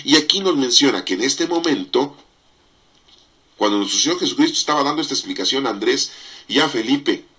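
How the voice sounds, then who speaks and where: A man walks through the Sunday readings like a homily. His voice is bright and forceful at a middling pitch. He leans on repetition and speaks directly to his listeners. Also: animated, fairly quick. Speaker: lay preacher explaining Sunday readings. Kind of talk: sermon-style explanation of scripture.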